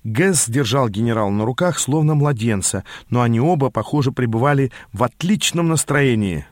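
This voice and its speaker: A man's voice: mid-range voice, lively intonation, normal speed, no echo. Man, audiobook narrator, fantasy story, dry studio sound.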